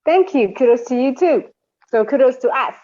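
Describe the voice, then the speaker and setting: A woman's voice: high-pitched, animated, moderate pace, no room sound. A woman in her thirties from South Africa, a cheerful interview guest who laughs often. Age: 30s. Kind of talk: interview over a call. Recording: slightly dull sound.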